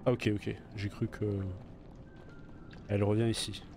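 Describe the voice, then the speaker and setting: Soft background music sits beneath a man whose fairly low voice is flat, unhurried and a little mellow. He has a slight cold and casually narrates to himself while playing a video game, let's play style.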